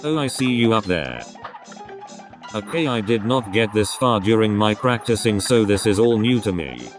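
A male text-to-speech voice reading casual let's play commentary, with an even machine delivery. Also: lowish voice, moderate pace. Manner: evenly paced machine reading of casual gaming banter. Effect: text-to-speech synthetic voice. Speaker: gaming channel host. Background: video game music.

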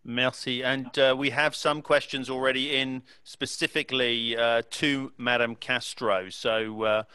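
A man's voice: mid-range voice, level tone, slow, bright, forceful tone, smooth, no echo. A man moderating a media briefing at a studio desk microphone. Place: broadcast studio stage at a table. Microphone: desk microphone on arm.

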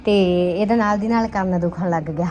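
A woman's voice: medium pitch, a little fast. Chatty woman vlogger, noisy recording. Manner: chatty, running commentary on household chores. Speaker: family vlogger and mother. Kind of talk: casual home vlog chat. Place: at home, doing chores. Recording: noisy home recording with clicks.

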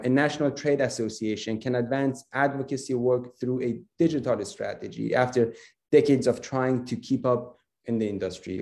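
Mellow-voiced tech founder guest, measured, fills pauses. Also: male voice, mid-range voice. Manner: measured, with fillers. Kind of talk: product presentation.

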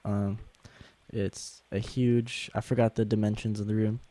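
A young man giving halting, casual gameplay commentary, sounding sick with a sore throat and swollen tonsils. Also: lowish voice, flat delivery, warm tone. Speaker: gaming video host.

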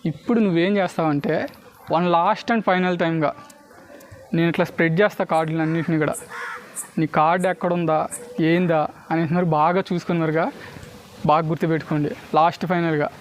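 A man's voice: a little high, fairly even intonation, fast talker, muffled recording, slight background noise. A man with a Telugu accent giving street performer patter for a card trick, mixing in English words and constantly checking that spectators follow. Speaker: street magician.

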